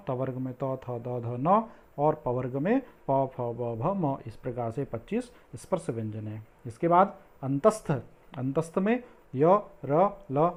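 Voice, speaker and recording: A man's voice: fairly high pitch, a little mellow, dull audio. A man teaching a grammar lesson in a teacherly way, reciting Sanskrit verses and drawing out vowel sounds.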